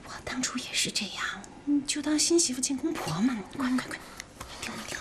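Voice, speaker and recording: An actress playing a young sister-in-law who turns blunt and scolding when pushed. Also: female voice, sits high, big pitch swings, brisk, noisy background. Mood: soothing. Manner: scolding, exasperated. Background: background music.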